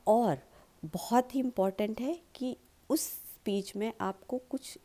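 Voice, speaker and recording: A woman with an Indian accent, explaining in a tutorial lesson and slowly stressing sample lines. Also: a little high, warm tone. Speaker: public speaking teacher.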